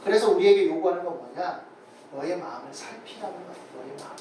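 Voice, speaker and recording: A man with a fairly high voice delivers a sermon, lively and dramatic, slipping into the voices of the people he describes. He sounds distant from the microphone, and the sanctuary rings with heavy reverberation. A faint hiss sits under his voice. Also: fast talker. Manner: animated, acts out voices of God and people in quotes. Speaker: pastor. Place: church sanctuary. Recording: very echoey hall, far from the mic, faint noise.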